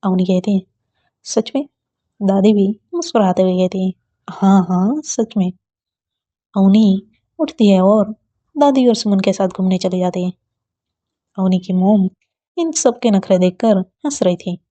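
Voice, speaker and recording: A woman narrates a romance story in a gentle, steady way, with a mellow, dark tone. The recording is dry and slightly dull, with no room sound. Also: mid-range voice, normal speed, no room sound.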